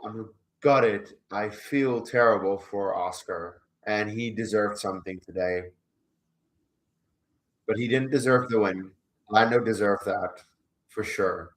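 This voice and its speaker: A man from the Netherlands with a Dutch accent, giving emotional, excitable live reactions as a streamer during a race watchalong. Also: lowish voice.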